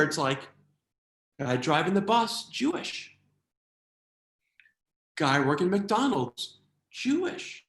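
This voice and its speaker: Animated American man doing stand-up. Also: on the high side, echoey room. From United States. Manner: animated, quick shifts into quoted voices. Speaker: stand-up comedian. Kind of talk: stand-up comedy routine.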